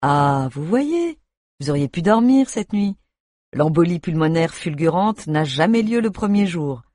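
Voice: mid-range voice, sing-song, measured pace, a little mellow, no echo, studio quality. A reader doing a grumpy, sardonic doctor. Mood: dry. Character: grumpy man, a dry-humoured doctor.

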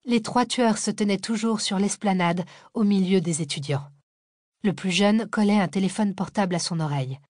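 A woman reading a thriller audiobook as narrator, telling the story in a measured, expressive way. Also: mid-range voice, dry recording, clean studio sound.

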